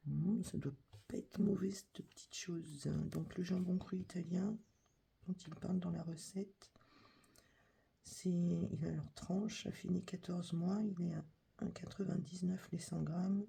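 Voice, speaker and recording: A woman reading a supermarket catalogue aloud as whispered ASMR, with a breathy whisper and soft, chatty asides. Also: fairly low pitch, fairly even intonation, measured pace. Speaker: catalogue reader.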